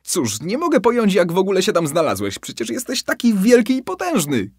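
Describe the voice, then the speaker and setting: A man voicing a young, quick-witted fisherman in a storybook reading, pitched high and loud. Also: huge pitch swings, husky, no room sound, studio quality, heavily acted. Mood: flattering.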